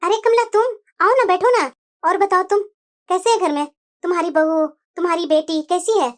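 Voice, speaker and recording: A woman's voice: extremely high pitch, fairly even intonation, moderate pace. A woman voicing a worried, weary middle-aged mother in a Hindi cartoon. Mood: fretful.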